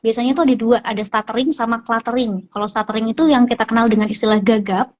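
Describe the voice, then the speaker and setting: A woman speech therapist calmly explaining child speech development on a hospital talk show, with frequent fillers. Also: fairly high pitch, fast, lo-fi sound.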